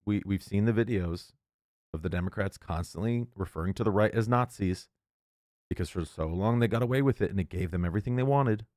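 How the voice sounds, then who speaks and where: A political commentator with a lowish, brisk, darkish voice reads an article aloud, breaking off into heated, indignant commentary and often stumbling and restarting. The recording is studio quality with no echo.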